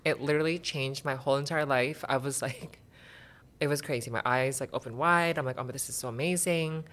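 A woman's voice: very deep voice, fairly quick, a bit bright. A woman from Canada, a bubbly guest who laughs often in a casual podcast interview.

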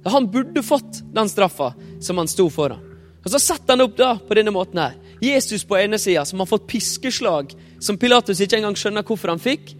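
Man, high voice, vivid sermon storyteller; reverberant hall, soft music bed. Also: lively intonation. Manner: vivid storyteller, acts out quotes. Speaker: preacher. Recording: long reverb, faint music.

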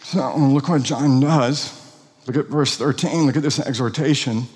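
A man's voice: medium pitch, unhurried, darkish tone, big-room sound. A pastor preaching an expository sermon, earnest and emphatic, asking rhetorical questions of his congregation.

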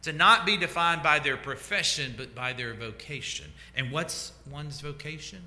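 A man preaching a sermon as pastor, slow and deliberate, letting his voice fall to a hush at the ends of phrases. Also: on the high side, a little hiss or hum. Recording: echoey church hall.

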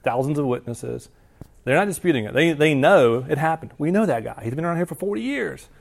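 A man's voice: on the high side, vocal fry, darkish tone. A man preaching a sermon in a casual, conversational way, often slipping into quoted lines. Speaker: pastor.

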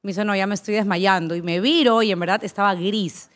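Animated woman telling spa stories. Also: mid-range voice, fairly quick. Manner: animated storyteller who acts out quoted voices. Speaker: aesthetician at a spa. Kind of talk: casual chat, telling anecdotes.

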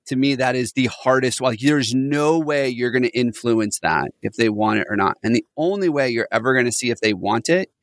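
An energetic man hosts a conversational interview, speaking like a business coach who slips easily into stories and laughter. His voice sits at an ordinary middle pitch. The recording is dry, with no room echo. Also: moderate pace, hardly any pauses. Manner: animated, laughing storyteller.

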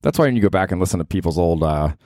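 Deep-voiced American man, animated podcast host. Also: racing, dry recording, clean studio sound. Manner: profane, rambling, self-mocking. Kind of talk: casual solo comedy podcast chat.

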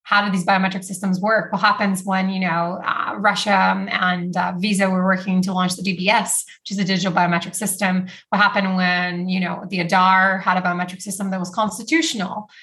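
Brief: woman from Brazil, bright lively voice, chatty interview guest, lots of "like". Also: mid-range voice, fairly quick, hardly any pauses. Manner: chatty, uses "like" often, laughs between phrases. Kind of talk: casual interview talk.

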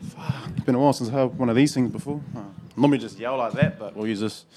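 A man's voice: medium pitch, fast, over a noisy crowd. A man with a broad New Zealand accent giving an informal church testimony in slangy, colloquial, matey speech. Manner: slangy and colloquial, often saying "bro".

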